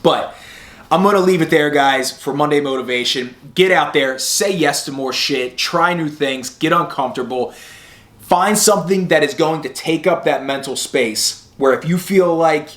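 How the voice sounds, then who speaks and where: Hosting a sobriety motivation video series, a man talks casually, rambling and blunt, and swears freely. His voice is fairly high and fairly bright at a moderate pace, and the room sounds echoey.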